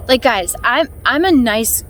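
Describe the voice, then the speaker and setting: A woman's voice: a little high, animated, measured pace, a bit bright. A woman with an American accent chatting casually and informally to her vlog audience as she walks on an outdoor hike. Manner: talking while walking on a hike; informal, chatty, with little chuckles. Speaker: vlog host. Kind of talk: casual chat to camera. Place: outdoors on a hiking trail. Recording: outdoor ambient noise.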